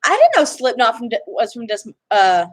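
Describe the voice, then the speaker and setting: A woman's voice: fairly high pitch, huge pitch swings, moderate pace. A young woman chatting casually for her vlog, rambling and cutting herself off mid-sentence. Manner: chatty, rambling, self-interrupting. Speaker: vlogger. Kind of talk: casual chat.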